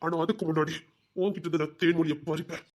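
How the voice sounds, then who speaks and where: An actor playing a bitter, vengeful man who swears revenge in a TV serial, threatening, at times shouting and at times sobbing. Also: steady tone, fast talker, heavy background noise, lightly acted. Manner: bitter, menacing, swings loud to low. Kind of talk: TV serial drama.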